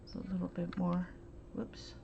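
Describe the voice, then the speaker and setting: With a lowish, monotone voice full of vocal fry, a woman art vlogger rambles through a paint swatching demo in her home. Hesitant throughout, she fills the pauses with um and uh. The recording is lo-fi and dull, made at home, with a faint hiss.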